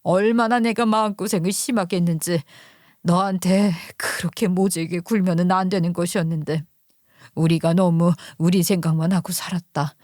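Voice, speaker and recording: A woman voicing a tearful, remorseful older mother who speaks slowly in a story reading. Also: fairly low pitch, steady tone, a little mellow, no echo, studio quality, close to an everyday voice. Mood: emotional.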